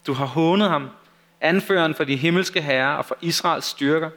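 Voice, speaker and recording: A man's voice: fairly high pitch, fairly bright tone. Man doing a confident young shepherd hero.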